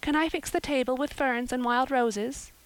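A woman's voice: high-pitched, moderate pace, clean tone, pitched above the performer's own voice, lightly acted. A woman voicing a dramatic, talkative young orphan girl in a storybook, pleading earnestly and breathlessly. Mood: eager.

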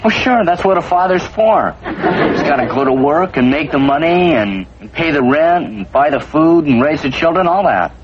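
A man's voice: fairly high pitch, expressive, normal speed, lightly acted. A young male actor with an American accent playing a skeptical, matter-of-fact teenage older brother in a 1950s family sitcom. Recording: muffled, very noisy old TV soundtrack.

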